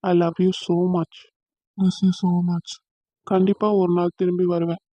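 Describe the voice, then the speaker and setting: A man's voice: sits high, completely flat delivery, takes it slowly, dark tone, dry recording. A man voicing an earnest, tender young man in a cartoon.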